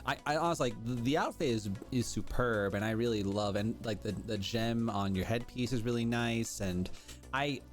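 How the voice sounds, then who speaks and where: Man, podcast host, medium pitch, wordy effusive casual chat, light background music. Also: moderate pace. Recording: music behind the voice.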